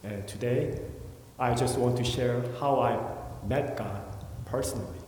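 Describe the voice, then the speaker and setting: A man in his thirties with a Korean accent shares a prepared testimony in a church sanctuary. He speaks earnestly and haltingly, with brief pauses and a medium-pitched voice. The sound carries a long reverb from the hall. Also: a little mellow, a little hiss or hum. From South Korea. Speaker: church member giving testimony.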